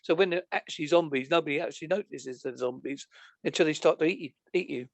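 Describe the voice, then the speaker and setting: A man's voice: fairly high pitch, fast talker, gravelly, dry recording. A British man chatting as a podcast guest, joking and sarcastic. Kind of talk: casual chat.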